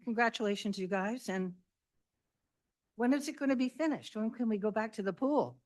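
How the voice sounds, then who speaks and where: A woman's voice: a little high, expressive, normal speed. A woman chairing a town committee meeting, running votes and agenda items in an informal, chatty way.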